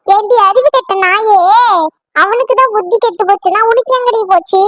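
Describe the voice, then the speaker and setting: Excitable mother-in-law, very squeaky high pitch, scolding temper, cartoon comedy, dry sound. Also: fairly quick, no echo. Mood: angry scolding. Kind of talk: exaggerated cartoon comedy voice acting.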